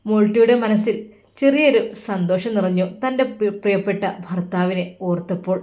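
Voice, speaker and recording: A woman's voice: medium pitch, a little fast, dark tone. A woman storyteller with a Malappuram Malayalam accent narrates a family drama. Her telling is emotive and vivid.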